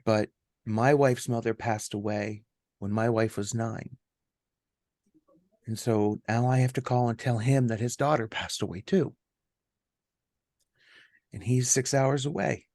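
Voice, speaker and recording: A middle-aged man, a podcast co-host, telling a personal story in a halting way with many ums and restarts. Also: medium pitch, fairly even intonation, a little mellow, dry recording, clean studio sound.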